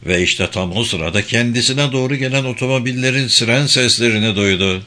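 A man reading a first-person audiobook in a steady, deliberate way. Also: medium pitch. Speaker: audiobook narrator.

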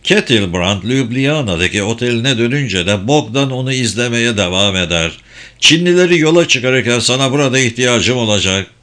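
A man voicing a ruthless male smuggling boss who gives slow, loud, emphatic orders in an audiobook. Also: mid-range voice, animated, lightly acted. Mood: commanding.

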